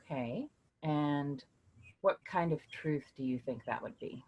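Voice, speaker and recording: This actress's voice sits low and husky, with the highs cut off, and she speaks at a measured pace. She plays a patient woman philosophy professor leading a class discussion in a staged play reading, sounding lively, questioning and teacherly.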